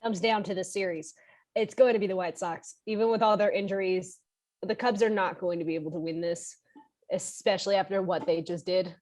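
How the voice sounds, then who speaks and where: A woman's voice: mid-range voice, fairly even intonation, fairly quick, a little mellow. A woman co-hosting a casual sports podcast, giving blunt, opinionated takes. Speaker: podcast co-host.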